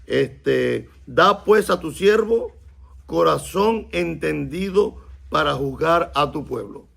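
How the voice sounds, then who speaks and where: A man, a rabbi, teaching a Bible class, explaining words slowly and asking his students questions. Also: fairly high pitch, expressive, creaky, fairly bright tone, husky. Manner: stresses and repeats key words slowly.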